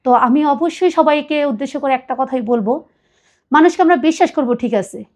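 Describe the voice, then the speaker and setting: High-voiced woman telling a painful story. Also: fairly quick, a little mellow. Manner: earnest, pleading, quotes others at length. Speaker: guest telling her life story. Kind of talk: emotional personal confession.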